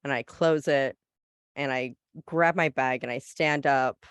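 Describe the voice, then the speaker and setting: A player in a tabletop game, describing their character's feelings in a reflective, halting way. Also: mid-range voice, fairly bright tone, smooth, dry recording, clean studio sound.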